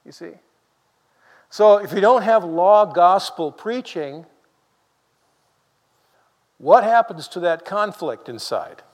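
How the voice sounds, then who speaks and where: A man preaching a sermon in a lively, conversational way, full of rhetorical questions to the congregation. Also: high-pitched, slow, pauses often, in a large hall.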